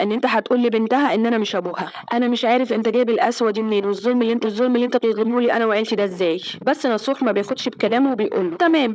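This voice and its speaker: A woman with an Egyptian Arabic accent narrating a quick plot summary of a TV drama, reading the characters' lines in her own voice and pitching up for the shouted ones. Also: dry recording.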